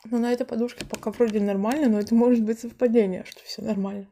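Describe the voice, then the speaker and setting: A young woman chatting casually to viewers while chewing food, in a confiding tone with soft mumbled asides. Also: fairly high pitch, fairly even intonation, fast talker, slight background noise. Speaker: mukbang vlogger. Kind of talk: casual chat to camera while eating.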